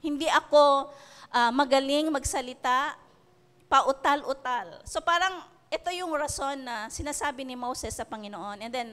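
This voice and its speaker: A woman's voice: high-pitched, a little slow, a bit bright, in a large hall. A woman preacher with a Filipino accent gives a sermon, reading scripture and checking in with the congregation with "okay?" and "di ba?". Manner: punctuates with "okay?" and "di ba?".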